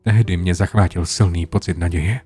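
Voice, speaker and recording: A man narrating a horror story in a low, hushed storytelling manner, over soft guitar music. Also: fairly even intonation, husky. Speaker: creepypasta narrator.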